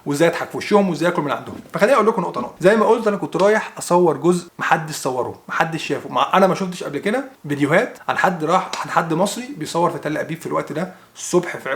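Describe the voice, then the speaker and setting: A young man with an Egyptian accent talks to his camera at a breakneck clip, his voice sitting high for a man. He retells events as casual, animated storytelling and acts out both sides of the dialogue himself. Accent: Egyptian Arabic. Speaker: vlogger.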